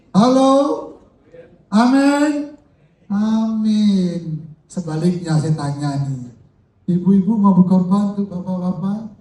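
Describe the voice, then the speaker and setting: An older man preaching a sermon as pastor, lively and joking with his congregation. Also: high-pitched. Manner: lively, jokes with the congregation and calls out to them. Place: church hall. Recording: echoey hall, mic from far off.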